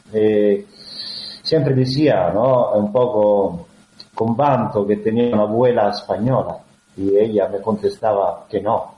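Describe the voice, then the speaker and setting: A man from Italy, speaking with an Italian accent as an interview guest, talking in a halting way full of fillers and restarts. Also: mid-range voice. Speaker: guest, actor. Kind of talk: conversational interview. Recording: roomy, dull lo-fi sound.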